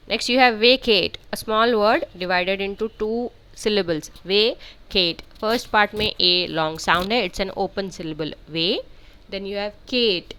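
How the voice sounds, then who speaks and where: Indian lady breaking words into syllables slow and careful, super clear voice. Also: mid-range voice, a bit bright. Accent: Indian English. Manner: explains step by step, slow and deliberate on each spelled word. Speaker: teacher. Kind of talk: spelling lesson, mixing Hindi and English.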